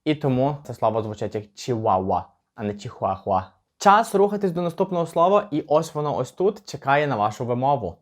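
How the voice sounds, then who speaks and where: A man's voice: medium pitch, sing-song. Chatty man teaching English pronunciation. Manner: chatty, slows down to spell out words. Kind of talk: casual pronunciation lesson.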